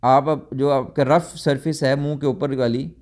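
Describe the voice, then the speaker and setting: A man's voice: medium pitch, steady tone, darkish tone. A man giving a tajweed lecture, explaining step by step, sometimes correcting himself and mixing in English words. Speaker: tajweed teacher. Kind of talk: recorded lecture.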